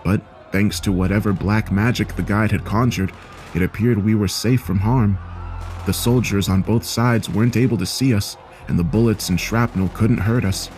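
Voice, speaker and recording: A man narrating a scripted horror story in a steady, grave manner. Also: lowish voice, moderate pace, faint music behind.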